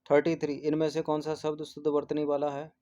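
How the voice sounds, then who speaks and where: Guy teaching spelling for an exam, flat monotone, warm dark voice, keeps repeating each word. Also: fairly high pitch, a little fast. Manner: mixes English numbers and terms into Hindi. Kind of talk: exam test-series answer walkthrough.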